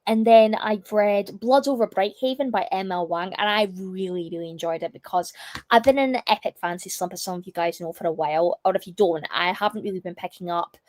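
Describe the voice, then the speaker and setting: A young woman hosting a casual livestream, chatty and full of fillers, her voice still a little croaky from a cough. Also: medium pitch, a little fast, darkish tone, no echo. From United Kingdom. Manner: chatty, reads chat comments aloud, many fillers. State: slightly croaky from a lingering cough. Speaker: livestream host.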